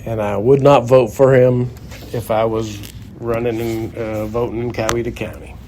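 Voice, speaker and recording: A man's voice: mid-range voice, little pitch movement, moderate pace, mellow, a little hiss or hum. A man, a young adult guest comedian, delivering a sarcastic, grumbling comedic rant.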